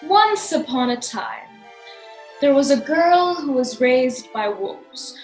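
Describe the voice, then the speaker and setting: A woman's voice: high-pitched, lively intonation, takes it slowly, reverberant, faint music behind, low-quality recording. A young woman narrating a school fairy-tale play over video call in a theatrical, announcing way.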